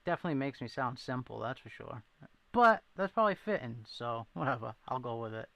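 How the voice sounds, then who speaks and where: A livestream host from New England, near Rhode Island, chats with a thin but clear Boston accent, rambling, joking at his own expense and answering viewers. His middle-pitched voice is gravelly, pushed and bright, with fry at the ends of phrases. He's expressive and a little fast, and there's no echo.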